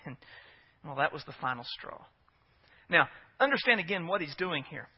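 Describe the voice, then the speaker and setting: A pastor delivers a sermon in a notably high voice, earnest and emphatic, pressing his points home with rhetorical questions. The recording sounds dull and lo-fi. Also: very animated, moderate pace, breathy edge.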